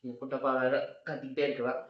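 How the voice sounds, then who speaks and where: Man vlogger, relaxed rambling chat, roomy echo, dull sound. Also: mid-range voice, rapid-fire. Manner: relaxed, rambling, asks viewers to comment. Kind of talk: casual vlog chat to viewers.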